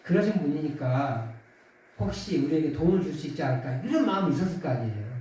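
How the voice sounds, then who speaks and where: A pastor, a man, preaches in a casual, chatty way, and his voice sounds mellow and warm. His pitch swings widely, and he raises it when he acts out the quoted voices. He sounds far from the mic in a very echoey church hall. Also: sing-song, fast. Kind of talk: sermon. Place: church sanctuary.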